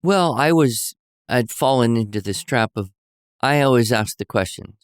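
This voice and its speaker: A man's voice: medium pitch, expressive, normal speed, clear, resonant tone, no room sound, studio quality. A man co-hosting a casual teaching podcast, telling anecdotes and acting out quoted voices. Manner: storytelling, acts out quoted voices. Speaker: co-host. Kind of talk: conversational podcast discussion.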